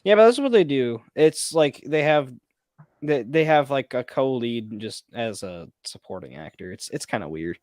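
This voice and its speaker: Brief: a man rambling through casual movie talk, lively pitch, dry close recording. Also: moderate pace, no echo. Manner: rambling with restarts. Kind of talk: casual film chat.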